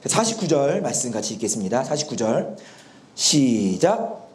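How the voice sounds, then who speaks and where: A man's voice: medium pitch, sing-song, normal speed. A male pastor preaching a sermon in a church, explaining and telling the story animatedly, with a sore throat. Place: church sanctuary. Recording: echoey church hall.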